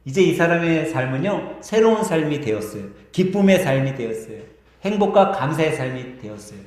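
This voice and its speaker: A man's voice: fairly high pitch, very animated, brisk, darkish tone. A man preaching a sermon as a pastor, telling a story vividly with a shifting pace. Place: church sanctuary. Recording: echoey church hall.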